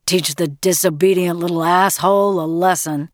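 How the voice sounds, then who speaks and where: A woman voicing a gruff, domineering billionaire father in an audiobook, growling and harsh. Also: on the low side, steady tone, moderate pace, no room sound, clean studio sound, lightly acted. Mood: scornful.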